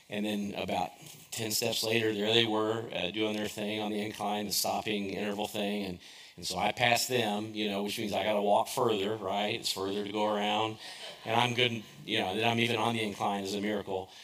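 A middle-aged man delivers a sermon in an easy, conversational way. His voice is bright and forward. He tells stories with self-deprecating humor and keeps asking rhetorical questions. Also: fairly low pitch, rough recording. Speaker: pastor.

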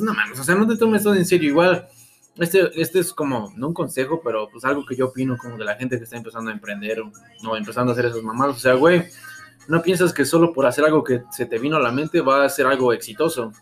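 Young Mexican podcast co-host, relaxed crude storyteller, faint music underneath. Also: male voice, medium pitch, fast. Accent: Mexican Spanish. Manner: slangy, profane storytelling. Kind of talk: casual chat.

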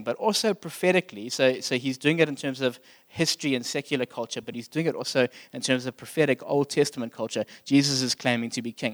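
A man delivering a sermon as pastor, speaking in a casual, plainspoken way and asking his listeners direct questions. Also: medium pitch. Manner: conversational, plainspoken preaching.

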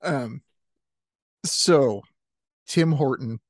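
A man spins an improvised comic story at an easy, unhurried pace, laughing often as he rambles along. His voice sits close and dry, with no room around it. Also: medium pitch, dry recording.

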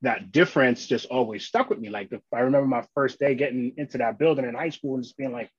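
Talking at a quick pace, this medium-pitched man sounds slightly rough on a dry recording with the highs cut off. He's a new speaker, a social worker in schools from Queens and Long Island, New York, chatting informally as a guest in a casual interview and leaning on "you know" and "right?"

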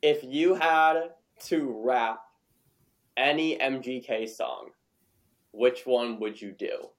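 A man's voice: medium pitch, takes it slowly. Easygoing male podcast host. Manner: easygoing, encouraging, repeats words while thinking. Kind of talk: casual podcast interview.

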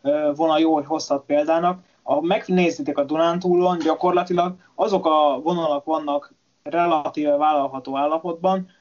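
A man in a casual panel chat, explaining calmly and agreeing often. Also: on the high side, highs cut off.

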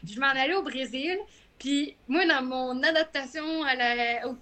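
Bright high-voiced Quebec woman telling a story. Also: unhurried. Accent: Quebec French. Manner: animated storyteller, acts out quoted lines. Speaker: guest runner. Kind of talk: casual podcast chat.

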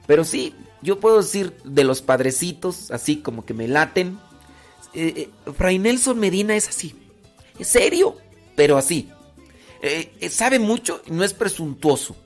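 Mexican radio guy, ranchero accent, kinda high voice, rambles w lots of fillers, faint music behind. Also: lively intonation, moderate pace. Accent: Mexican, rural ranchero speech. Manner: rambling, with many fillers and restarts. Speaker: radio host. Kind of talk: casual radio talk to listeners.

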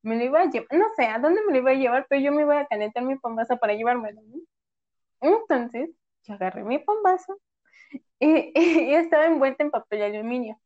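A woman's voice: high-pitched, expressive, a little fast, dull audio. A young woman hosting a casual chat, giggling as she tells stories. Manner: giggly storyteller, quotes herself. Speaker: host.

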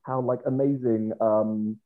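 A man's voice: medium pitch, fairly even intonation. Guest, male, hesitant and rambling, heard over a thin phone-like line. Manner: hesitant, many fillers and restarts, quick bursts. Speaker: podcast guest. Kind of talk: casual podcast chat. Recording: tinny phone-like remote line.

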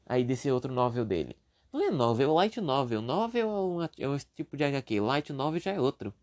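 A man's voice: mid-range voice, sing-song, brisk, a little mellow. A young man with a Brazilian Portuguese accent, talking on his own podcast, rambling casually with self-deprecating jokes. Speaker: podcast host. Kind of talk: casual solo podcast monologue.

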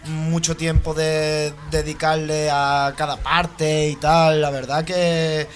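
A man's voice: fairly high pitch, flat delivery, slow pace, faint music behind. A man, a band member on a radio show, talking informally and often asking "you know?". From Málaga, Spain. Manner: informal, keeps adding "¿sabes?". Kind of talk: casual radio interview. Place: radio studio.

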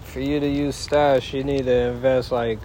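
A man hosting a casual solo podcast outdoors in a backyard, rambling in a folksy way and pausing mid-thought. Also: mid-range voice, little pitch movement, mellow. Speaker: podcast host. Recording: noisy outdoor backyard, wind and ambience.

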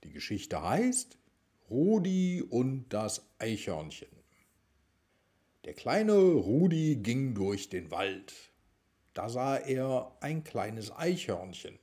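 A middle-aged man tells a children's bedtime story in a slow, gentle voice. His pitch moves up and down in a lively way, and his tone stays warm and mellow.

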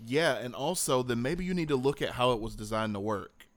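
Lively low-voiced man chiming in, dry sound. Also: fairly quick, no echo. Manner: brief agreeing interjections. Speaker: podcast co-host. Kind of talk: casual podcast conversation.

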